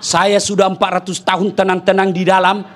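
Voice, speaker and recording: A preacher putting on a grumbling old well jinn. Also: male voice, high voice, little pitch movement, fairly quick, close to an everyday voice. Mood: fed up. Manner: complaining, exasperated.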